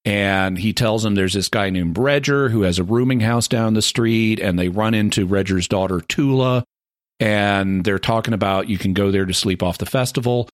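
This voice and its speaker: Male podcast co-host, lower register, dry studio sound, talks in long explanatory runs. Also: moderate pace, no room sound. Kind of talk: casual discussion.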